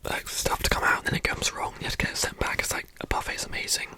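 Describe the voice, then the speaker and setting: Fast, rambling ASMR whisper from a young adult. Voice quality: breathy unvoiced whisper. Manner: informal rambling, repeats words. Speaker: ASMR creator answering questions.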